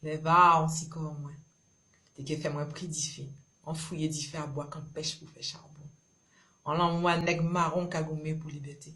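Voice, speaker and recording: This woman's voice is low-pitched and a bit bright, level in tone and at normal speed. A poet from Marie-Galante in Guadeloupe, she speaks with a Creole accent, performing love poetry as spoken word in brief, rhythmic, incantatory lines.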